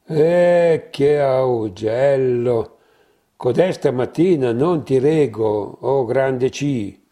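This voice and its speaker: A man's voice: medium pitch, animated, measured pace, gravelly, mellow. A man doing a sly young painter. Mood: exclaiming.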